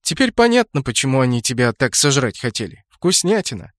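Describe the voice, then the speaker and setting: A man's voice: medium pitch, very animated, brisk, dry recording, studio quality, close to an everyday voice. A man voicing a cheerful, teasing young female adventurer in a raised voice. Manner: teasing, giggly.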